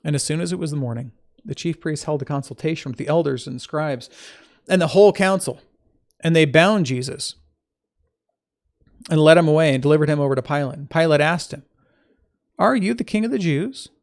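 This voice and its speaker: A fairly high-pitched man with a gravelly, creaky edge reads scripture aloud. He breaks off now and then to fix his own slips and toss in relaxed, informal remarks on the text. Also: fairly quick, long pauses. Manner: stops to correct his slips and add informal asides. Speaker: Bible reader. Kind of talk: reading scripture aloud with casual commentary.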